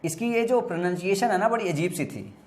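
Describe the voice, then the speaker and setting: A man whose first language is Hindi, teaching exam vocabulary, explaining slowly, repeating words and spelling them letter by letter. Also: high-pitched, expressive, echoey room.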